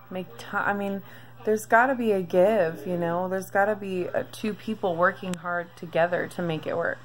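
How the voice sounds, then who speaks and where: A woman in her thirties talking through a confessional video diary, emotional and close to tears, halting with many pauses. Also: a little high. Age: 30s. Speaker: vlogger.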